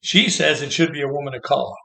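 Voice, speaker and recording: A man's voice: on the high side, fast talker, creaky, pushed and bright. A man delivering a heated, sarcastic political rant as a commentator. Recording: echoey room.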